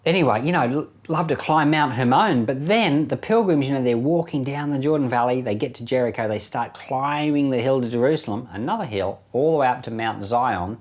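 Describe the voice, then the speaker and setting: A middle-aged pastor who hosts a Bible podcast offers informal commentary, explaining conversationally and repeating phrases for emphasis. His voice is medium-pitched, and he talks fairly quickly with hardly any pauses.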